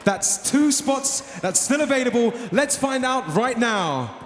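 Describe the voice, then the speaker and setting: A man hosting a live pageant as a pumped, booming announcer, drawing out names for dramatic effect. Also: big pitch swings, a little slow. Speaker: pageant host. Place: large event hall with music behind. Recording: echoey hall PA, loud music behind.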